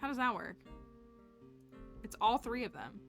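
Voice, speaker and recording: A woman's voice: on the high side, sing-song, a little slow. A woman giving casual live commentary as she streams a game. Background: soft game music.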